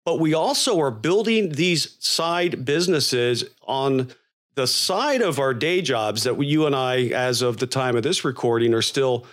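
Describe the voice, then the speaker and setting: Medium-pitched man co-hosting a casual podcast. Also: expressive, a little slow, fairly bright tone. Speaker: podcast co-host. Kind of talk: casual conversational podcast talk.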